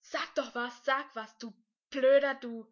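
A woman doing an angry tearful teen boy, shouting, pleading, dull lo-fi sound. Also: high voice, steady tone, a little slow, voice pushed up. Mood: pleading shouts. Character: distraught teenage schoolboy, angry and tearful.

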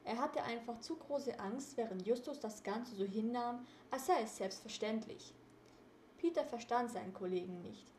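Brief: female storybook reader, fairly high voice, steady delivery, echoey room. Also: normal speed, a little hiss or hum. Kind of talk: storybook reading. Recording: roomy echo.

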